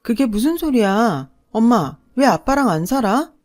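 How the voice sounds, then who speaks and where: A young daughter in a radio story who pleads and talks back in a raised, tearful voice, as a woman narrator acts her out. She sounds higher and louder than the narration around her. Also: big pitch swings, measured pace, dry recording, clean studio sound, soft background music. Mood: upset, pleading. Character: young daughter, hurt and defiant.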